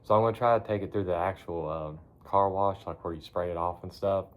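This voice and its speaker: A man with a deep, low voice talks casually to a phone propped up in a barn. He is laid-back and folksy, rambling along and cursing offhand like he is catching up with regular viewers. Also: fairly quick, phone-quality sound. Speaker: vlogger. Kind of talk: casual rambling chat to camera.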